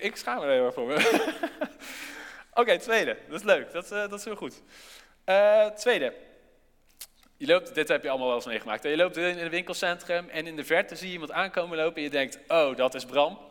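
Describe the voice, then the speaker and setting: A man's voice: high-pitched, a bit bright. A man leading a casual, interactive church talk, chatty and self-deprecating, with lots of fillers. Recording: long hall reverb.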